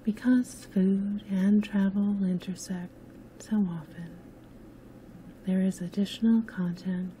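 A woman who hosts and narrates sleep stories reads one in a very mellow, dark-toned voice of fairly low pitch. Soft-spoken and soothing, she often drifts close to a whisper and moves at a very slow, unhurried pace. The audio is poor, with faint noise behind her.

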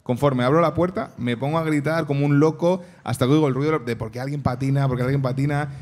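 A man co-hosting a live comedy show, calmly running a true-or-false game. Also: mid-range voice, quick pace. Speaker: co-host.

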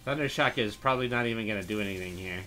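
A man giving casual, relaxed commentary while he plays a video game, thinking aloud as he goes. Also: fairly low pitch, racing, slight background noise. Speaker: streamer.

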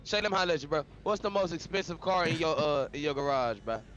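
A man's voice: fairly high pitch, fast talker, dull audio, slight background noise. Brash foul-mouthed man on voice chat. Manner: brash profane street talk. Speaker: roleplayer as street hustler. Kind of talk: in-character roleplay.

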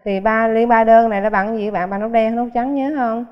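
A woman's voice: fairly high pitch, fairly even intonation, normal speed, clear, resonant tone. Woman, piano teacher, chatty lesson, counts beats aloud, long hall echo, muffled sound. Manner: chatty, explains with counting aloud and everyday comparisons, many fillers. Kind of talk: casual spoken music lesson.

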